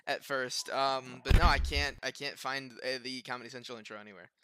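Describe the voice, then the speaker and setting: A young man in a squad voice chat, talking in a quick, matter-of-fact way that trails off, over a headset. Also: mid-range voice, fairly even intonation, background noise. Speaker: player who plays soundbites in voice chat. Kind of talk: casual gaming banter.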